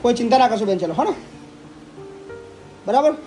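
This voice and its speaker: A man's voice: very high voice, animated, brisk, mellow, soft background music. A man hosting a vlog who interviews elderly arrivals, questioning them and reassuring them. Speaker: old-age home host.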